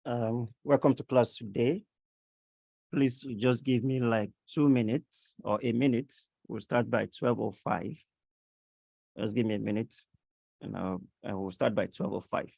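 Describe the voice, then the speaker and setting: Male online instructor, sore throat, slow delivery full of fillers, gravelly voice. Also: mid-range voice, steady tone, dark tone, no room sound. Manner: slow, halting, many fillers. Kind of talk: live online class lecture. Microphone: computer mic on a video call.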